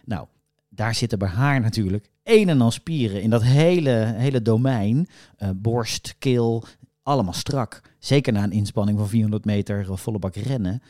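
A man's voice: lowish voice, moderate pace, few pauses, mellow, dry recording, studio quality. A man co-hosting a casual talk show, explaining things with many hesitations and fillers. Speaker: podcast co-host, voice expert. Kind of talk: casual discussion.

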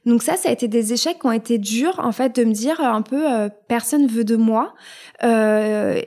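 A woman's voice: fairly high pitch, a little fast, a little mellow. A woman guest in a casual interview, talking with many fillers and restarts.

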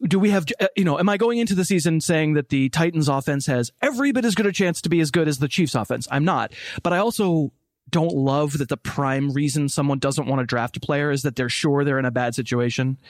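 A man chats as a podcast guest in a fairly high voice. He is animated and makes quick, self-mocking asides. The recording is dry and close. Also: dry recording. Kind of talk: casual chat.

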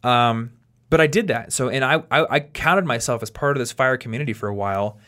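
Speaking fairly quickly in a mid-range voice, a man in his late twenties hosts a podcast. His explanations are laid-back and conversational, full of thinking out loud and sentences he starts over.

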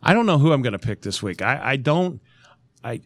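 A man chats loosely on a podcast, circling back and restarting as he hunts for names. His voice sits at an ordinary pitch. The sound is dry and close, with no room around it. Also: big pitch swings, fairly quick, a bit bright, no echo. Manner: rambling, searches for names, many restarts. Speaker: podcast co-host. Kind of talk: casual sports podcast chat.

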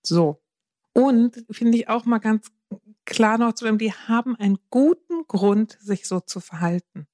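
A woman co-hosting a parenting podcast, calmly explaining with everyday examples and acting out what a parent might say. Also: on the high side, measured pace, dry recording, clean studio sound. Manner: calm, explains with examples, acts out quotes to a child. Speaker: podcast co-host giving parenting advice. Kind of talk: casual advice chat.

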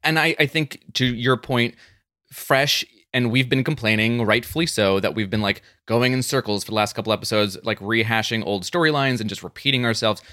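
A middle-aged man co-hosting a podcast, talking in an animated, chatty way with lots of fillers. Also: mid-range voice, fairly quick, no room sound, studio quality. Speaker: podcast co-host. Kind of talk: casual chat.

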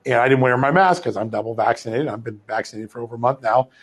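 A man's voice: medium pitch, fast talker, husky. Man hosting a political talk show. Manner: conversational, tells anecdotes.

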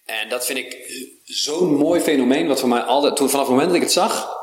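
A man speaking as a podcast guest, telling stories in an animated, rambling conversational way. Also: medium pitch, a little fast. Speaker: podcast guest, vitality coach. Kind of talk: casual conversation. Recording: roomy sound with faint background noise.

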